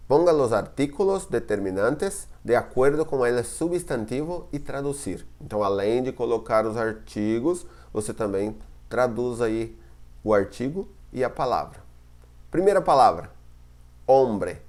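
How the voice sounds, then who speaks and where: A man's voice: medium pitch, animated, measured pace, a little mellow. A man with a Brazilian Portuguese accent teaching a recorded grammar lesson, explaining step by step and often checking that the students follow. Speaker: Spanish teacher.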